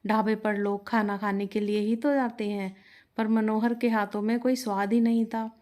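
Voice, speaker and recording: A woman's voice: medium pitch, flat delivery, normal speed, mellow. A woman reading a moral storybook tale aloud as narrator, voicing each character in the dialogue herself.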